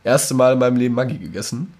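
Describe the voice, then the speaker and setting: A man's voice: medium pitch, quick pace, darkish tone. A young man co-hosting a podcast, making dry, sarcastic jokes in casual banter. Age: young adult. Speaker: podcast co-host.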